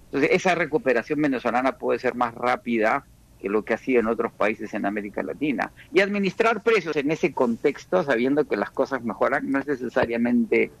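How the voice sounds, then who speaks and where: With lively intonation and some vocal fry, a mid-pitched Peruvian man explains at a careful, measured pace as an economist guest on radio, often restarting his sentences. The recording quality is rough.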